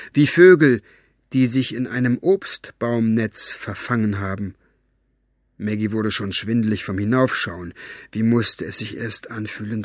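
A man reading an audiobook with expressive storytelling narration. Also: on the low side, husky, no echo, studio quality. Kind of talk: scripted narration.

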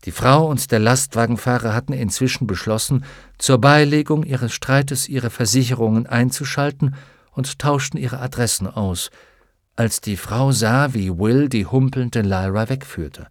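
A male audiobook narrator at an average pitch, reading a novel in a steady, even storytelling manner. The sound is dry and close, with no room around the voice. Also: moderate pace, no echo. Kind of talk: scripted narration.

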